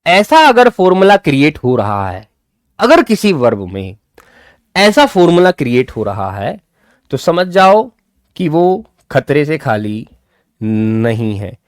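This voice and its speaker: A man's voice: on the high side, very animated, takes it slowly, no room sound, clean studio sound. A man teaching English grammar in a live online class, repeating key points and coaxing his students along.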